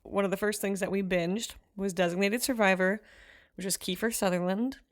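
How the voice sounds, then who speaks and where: A woman's voice: medium pitch, fairly even intonation, moderate pace. A woman teacher co-hosting a podcast, chatting earnestly with lots of fillers. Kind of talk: casual chat.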